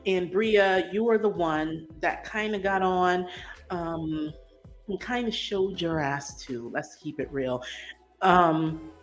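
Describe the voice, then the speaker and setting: A woman's voice: on the low side, slow, soft background music. A woman hosting a podcast in casual, blunt, sarcastic commentary, with many "um" and "you know" fillers. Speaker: podcast host.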